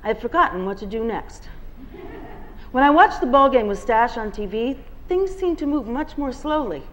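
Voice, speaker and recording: A guest reader at a bookstore event delivers a first-person novel expressively to the crowd. She speaks at an ordinary pace, her voice a little high and full of animation.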